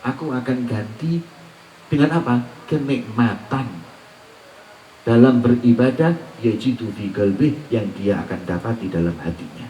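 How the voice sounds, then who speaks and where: A man's voice: mid-range voice, a little slow, dark tone, recorded from a distance, a little hiss or hum. A man giving an Islamic sermon, quoting Arabic recitations and asking the listeners rhetorical questions. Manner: mixes Arabic recitation with colloquial teaching, asks rhetorical questions. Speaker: preacher. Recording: roomy echo, voice off-mic.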